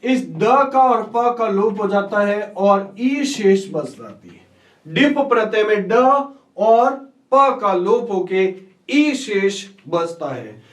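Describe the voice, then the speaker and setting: In an online grammar lesson, a man with a high-pitched, animated voice speaks slowly, sounding roomy and far from the mic. He quizzes his students, calling them "बेटा", then answers the questions himself and repeats the key answers.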